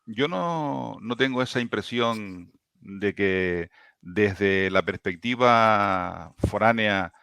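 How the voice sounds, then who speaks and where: A man's voice: lowish voice, slow pace, creaky, a bit bright, smooth, no room sound. A man from the Canary Islands, a linguistics professor speaking with a Canarian Spanish accent, arguing emphatically on a video-call panel, with frequent restarts and tag questions. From Canary Islands, Tenerife.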